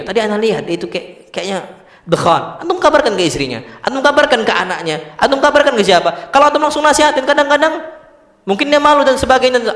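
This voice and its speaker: A man with an Indonesian accent giving a casual religious lecture, telling animated stories and mixing in Arabic terms. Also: very high voice. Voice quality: animated storytelling, mixes Arabic terms, laughs often. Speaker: Islamic preacher. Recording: echoey hall.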